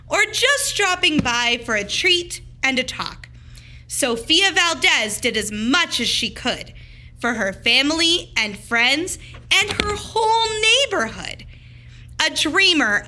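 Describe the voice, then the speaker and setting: In a storytelling manner that is emphatic, deliberate and expressive, a woman teacher reads a picture book aloud for children. Her voice sits high.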